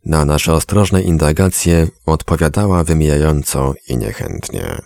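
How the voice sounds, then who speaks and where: A man narrating a story in a measured, somber audiobook reading. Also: extremely low pitch, steady tone, vocal fry, darkish tone, no echo.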